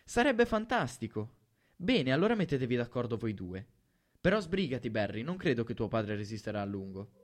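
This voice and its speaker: A man voicing a bright, cheerful young mother who gushes and chatters. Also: mid-range voice, sing-song, a little fast, lightly acted. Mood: bubbly. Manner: gushing, effusive.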